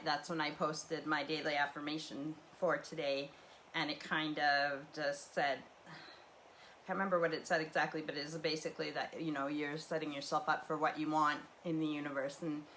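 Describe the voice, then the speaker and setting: Broadcasting from home on the Canadian prairies, this livestream host is a chatty woman with a low, fairly bright voice who rambles casually, drifting between thoughts with lots of fillers and restarts. Her webcam mic gives poor audio, with a faint hum of ambient noise in the background.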